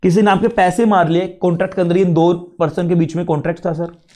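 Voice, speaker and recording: A man with an Indian accent giving a casual classroom lecture, chatty and mixing English terms in, a bit unwell and low on energy. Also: steady tone, fast talker, a little mellow. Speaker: teacher.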